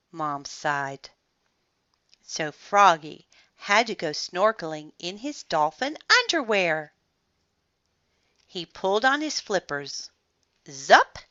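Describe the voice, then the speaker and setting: A woman reading a bedtime story aloud slowly and expressively. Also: mid-range voice, bright, forceful tone, dry recording. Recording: slightly muffled dry recording.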